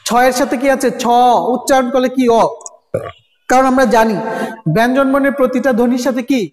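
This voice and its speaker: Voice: sits high, flat delivery, quick pace, faint music behind. A teacher giving a recorded grammar lesson, constantly asking students rhetorical questions and repeating sounds. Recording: echoey room with long reverb.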